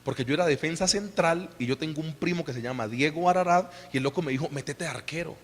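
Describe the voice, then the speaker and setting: A man in his thirties with a Colombian accent, preaching a sermon in an animated, conversational way and putting questions to the congregation. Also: on the high side, fast talker. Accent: Colombian Spanish. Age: 30s. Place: church. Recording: long reverb of a church hall.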